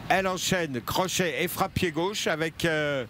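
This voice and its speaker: A man's voice: on the high side, a little slow. A man giving sports commentary as an analyst, breaking down the play. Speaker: match analyst. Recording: loud outdoor stadium noise behind. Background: loud ambient noise.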